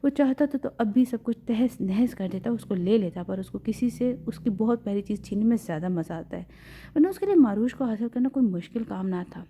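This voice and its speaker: A woman narrating a romance audio novel in a steady storytelling way. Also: fairly high pitch, a little hiss or hum. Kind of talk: scripted narration. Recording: dull lo-fi.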